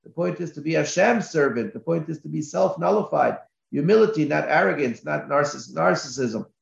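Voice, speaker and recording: A man's voice: fairly high pitch, animated, brisk, creaky. A man, a rabbi, giving a Torah class with emphatic repetitions, recorded lo-fi in an echoey room.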